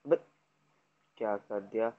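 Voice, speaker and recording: A man's voice: on the low side, slow, narrow, tinny audio. A man streaming a mobile battle game live, talking to viewers and urgently calling out instructions to his teammates. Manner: excited, shouts instructions to teammates. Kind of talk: live gameplay commentary.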